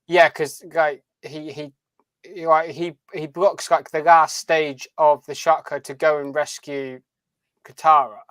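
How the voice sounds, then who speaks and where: A man co-hosting a podcast chats casually about a TV series as a fan, often repeating phrases while he thinks. His voice sits on the high side and is a bit bright, with little pitch movement and a measured pace. There's no room sound.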